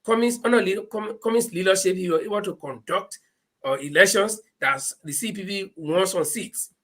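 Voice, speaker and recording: A man with a Liberian accent hosting an animated live political discussion, speaking emphatically and repeating his phrases. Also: sits high, moderate pace. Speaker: panel host.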